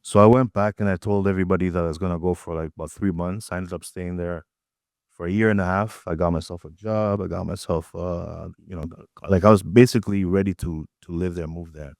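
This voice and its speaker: Deep-voiced Tanzanian-born man. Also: brisk, creaky, dry recording, clean studio sound. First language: Swahili. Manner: reflective, relaxed, with frequent fillers. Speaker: guest artist. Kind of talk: casual interview storytelling. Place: art gallery.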